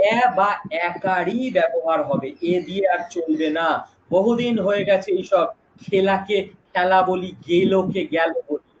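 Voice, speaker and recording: A man teaching a live online class, chatty and lively, asking students questions as he explains. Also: high-pitched. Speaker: online exam-prep teacher. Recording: dull lo-fi stream with noise.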